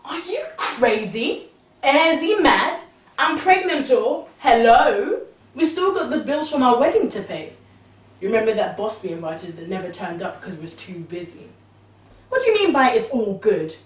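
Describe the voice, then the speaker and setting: An actress playing a young married, pregnant woman, animatedly recounting events to her mother, at times exclaiming and at times hushed. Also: mid-range voice, big pitch swings, brisk, close to an everyday voice. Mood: worried. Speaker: daughter confiding in her mother. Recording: distant, roomy sound with faint background noise.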